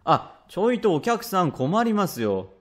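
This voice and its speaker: A man's voice: high voice, sing-song, measured pace, pitched above the performer's own voice, heavily acted. A man voicing a polite, unflappable male street dumpling seller in a rakugo tale. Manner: smooth, politely deferential. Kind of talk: rakugo storytelling.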